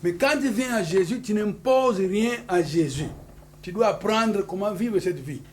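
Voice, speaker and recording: Pasteur congolais au sermon animé. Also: male voice, high-pitched, a little slow, a little mellow. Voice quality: emphatic, repeats hallelujah to the congregation. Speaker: pastor. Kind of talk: sermon with call-and-response. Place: church hall. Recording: noisy church hall recording.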